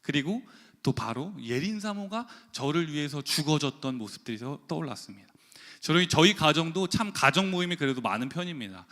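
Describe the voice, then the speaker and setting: A man's voice: a little high, big pitch swings, brisk, bright, forceful tone. A man preaching a sermon, telling a personal story with acted-out quotes and occasional laughs. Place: church sanctuary. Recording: long church hall reverb.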